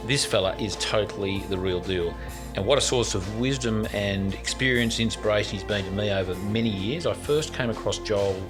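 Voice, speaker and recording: An Australian man speaking as a podcast host and interviewer, with a somewhat hesitant, halting delivery. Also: lowish voice.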